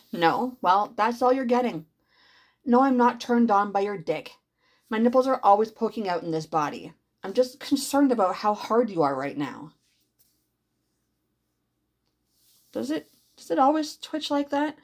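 A woman playing a breathy, teasing stepmother. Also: mid-range voice. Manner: slow, teasing, sultry delivery. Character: teasing, domineering superpowered stepmother. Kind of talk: intimate adult audio roleplay.

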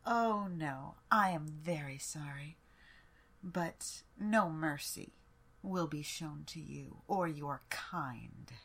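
A woman voicing a haughty, cruel warlord queen who mocks her captive in a slow, sneering, half-whispered way. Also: low voice, fairly bright tone, breathy edge, heavily acted. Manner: sneering, mocking, slow and deliberate.

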